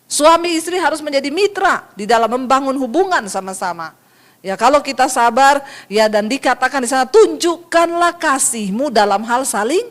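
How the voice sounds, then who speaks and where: A woman pastor giving a sermon in a lively storytelling manner, often turning to her listeners directly. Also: fairly high pitch.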